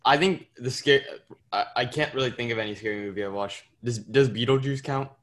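A teenage boy speaks in casual podcast chat over a video call. His delivery is laid-back, with a middle pitch, and he reacts to the others with short, quick exclamations. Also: fairly bright tone. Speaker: podcast co-host.

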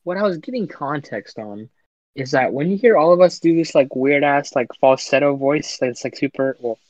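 A man's voice: fairly high pitch, lively intonation, normal speed, darkish tone, dry recording, dull audio. A young man chatting with friends, flustered and trying to explain things while being teased. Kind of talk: casual chat among friends.

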